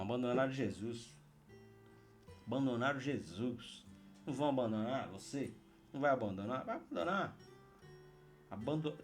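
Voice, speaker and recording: Earnest Brazilian pastor over soft guitar. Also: male voice, medium pitch. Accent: Brazilian Portuguese. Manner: earnest, exhorting, drops into soft intimate tones. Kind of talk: Bible reading with devotional commentary. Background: faint guitar music.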